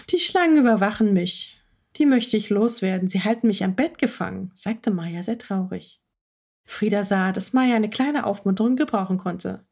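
A woman reads a children's story aloud in a calm, steady voice with a breathy, slightly husky tone. At tense moments she sinks to a whisper. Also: medium pitch.

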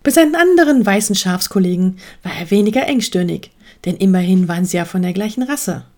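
A woman narrating a children's story aloud with expressive, lively delivery. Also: mid-range voice, a little fast.

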